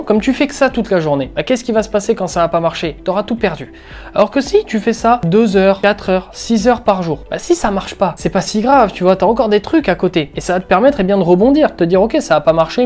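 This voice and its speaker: Homme énergique à la voix chaude. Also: male voice, high voice. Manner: energetic, emphatic, repeats words for stress, talks straight to the viewer. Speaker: YouTube business coach. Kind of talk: casual motivational advice monologue.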